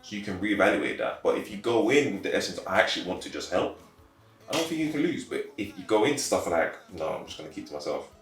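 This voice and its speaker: A young man in his twenties answering interview questions casually, animated and quick to laugh. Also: on the low side. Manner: animated, laughs easily, acts out quotes. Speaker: interview guest. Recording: roomy echo, faint background music.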